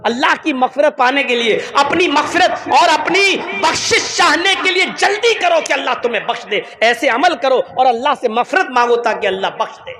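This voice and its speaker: A man's voice: very high voice, lively intonation, normal speed, few pauses, pushed and bright, roomy sound. A man giving an Islamic sermon, emphatic and full of rhetorical questions, now and then chanting prayers. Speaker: Islamic preacher. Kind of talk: religious lecture.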